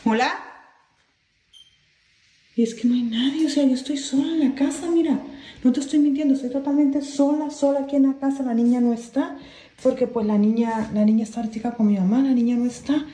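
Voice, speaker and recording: A woman's voice: high-pitched, steady tone, fairly quick, mellow. A woman recording herself on her phone at home at night, nervously talking to viewers and calling out into the house. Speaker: person filming at home. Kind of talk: casual self-recorded phone video. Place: dark bedroom at home, indoors. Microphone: phone held in hand. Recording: echoey room with faint hiss.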